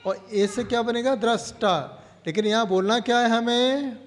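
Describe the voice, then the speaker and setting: A man's voice: extremely high pitch, normal speed, big-room sound, some chatter behind. A man teaching a class in religious verse, asking questions, repeating the answers and leading chants syllable by syllable.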